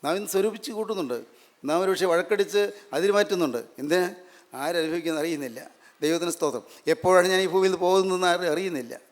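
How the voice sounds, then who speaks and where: Man preaching in a big hall, high voice, keeps repeating lines and firing questions, long echo. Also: fast talker. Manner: emphatic, repetitive, rhetorical questions. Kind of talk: sermon.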